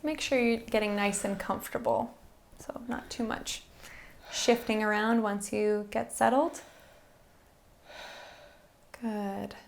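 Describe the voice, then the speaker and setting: A woman instructor softly guiding a breathing exercise in a soothing, encouraging manner, with background noise in the recording. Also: medium pitch, fairly even intonation, slow pace. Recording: faint-to-clear background noise and ambience.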